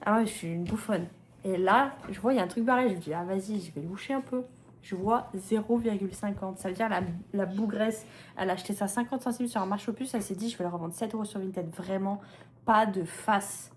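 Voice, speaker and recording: A woman's voice: medium pitch, fast talker, darkish tone, slight background noise. A woman, a mother vlogging casually from her home kitchen, ranting with feeling and talking sing-song to her baby. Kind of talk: casual vlog chat.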